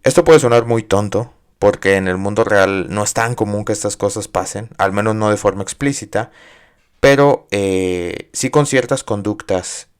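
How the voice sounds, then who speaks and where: On his psychology podcast, a man with a fairly low, clear, and resonant voice talks through ideas in an easygoing way. He draws on everyday examples and directs questions at his listeners.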